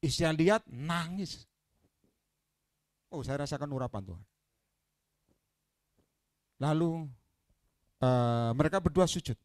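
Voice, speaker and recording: A man with an Indonesian accent touched by Javanese, preaching a sermon as an evangelist and telling stories animatedly, moving from quiet asides to loud proclamations. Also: on the high side, lively intonation, slow, pauses often, no echo, studio quality.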